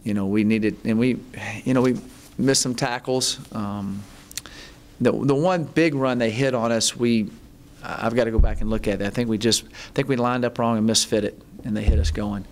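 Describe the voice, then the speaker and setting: A middle-aged man, a head football coach, answering reporters at a postgame press conference, halting, with many ums and restarts. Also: mid-range voice, steady tone, darkish tone, slight background noise. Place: press conference room, seated at table. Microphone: table mic in front.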